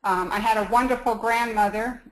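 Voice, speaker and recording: A woman's voice: a little high, fairly even intonation, normal speed, low-quality recording. A woman calling in to a live psychic show, speaking in a hesitant, grateful way with many restarts. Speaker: caller. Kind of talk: phone-in call.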